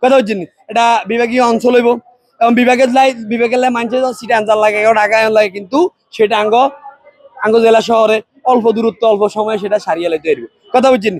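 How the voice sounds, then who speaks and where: Fast, heated Noakhali-accented man. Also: sits high, fairly even intonation, no room sound. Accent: Noakhali Bengali. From Noakhali, Bangladesh. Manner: argumentative, repeats himself, asks listeners if they follow. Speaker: interviewee. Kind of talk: impassioned street interview.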